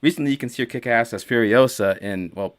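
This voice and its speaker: A man hosting a casual podcast, rambling in a loose, animated way about movies. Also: mid-range voice, fast. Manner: rambling, animated, breaks into quoted voices. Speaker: podcast host. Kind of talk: casual chat.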